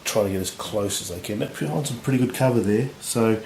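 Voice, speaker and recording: A man with a husky voice from recent illness, giving relaxed, rambling commentary on a tabletop battle. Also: on the low side, a little fast. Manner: relaxed, rambling, lots of fillers. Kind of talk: casual game commentary. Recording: echoey room with faint noise.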